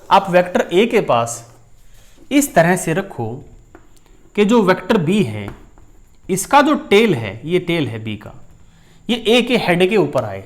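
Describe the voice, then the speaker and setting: A man teaching a physics lesson, explaining step by step while drawing and calling his students dear children. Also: a little high. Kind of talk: whiteboard lesson.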